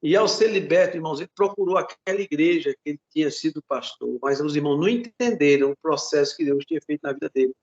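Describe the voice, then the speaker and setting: A Brazilian pastor delivers a fervent sermon built around a retold testimony, repeating words and frequently calling his listeners brothers. His voice is on the high side, a little mellow and expressive, moving fast with few pauses. The recording sounds muffled.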